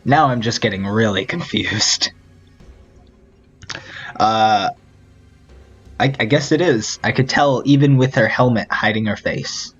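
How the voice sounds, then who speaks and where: A man's voice: lowish voice, unhurried, pauses often, a bit bright, breathy edge. Rambling, giggly young man. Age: young adult. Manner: rambling, giggly and self-correcting. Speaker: let's play host reading a visual novel. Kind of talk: casual game commentary. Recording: dull lo-fi audio with faint music.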